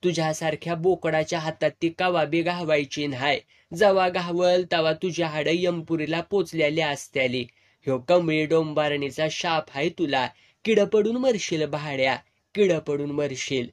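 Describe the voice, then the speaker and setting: A man's voice: on the high side, fairly even intonation, moderate pace, close to an everyday voice. A man voicing a fierce, defiant village woman who curses in rustic speech. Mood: defiant, cursing.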